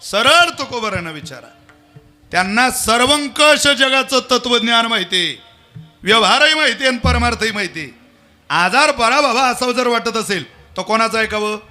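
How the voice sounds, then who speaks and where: A man's voice: very high-pitched, normal speed, soft background music. A man preaching a devotional kirtan sermon, telling humorous stories and quoting scripture. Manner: animated, humorous, quotes scripture.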